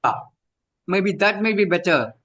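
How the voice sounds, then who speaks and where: A man's voice: high voice, lively intonation, measured pace, sharp tone, slight background noise. A man moderating an online meeting, speaking directly and repeating words. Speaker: session moderator. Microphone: video call.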